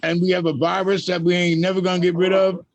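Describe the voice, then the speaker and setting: A man's voice: high voice, flat delivery, quick pace, dull audio, background noise. An older man hosting an open mic, telling stories in an earthy, emphatic way to a group. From USA. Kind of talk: casual group talk.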